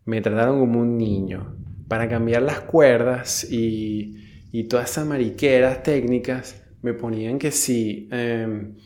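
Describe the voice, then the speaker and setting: A man's voice: mid-range voice, measured pace, darkish tone. A young Venezuelan man telling a story casually, full of slang and swearing, with many restarts.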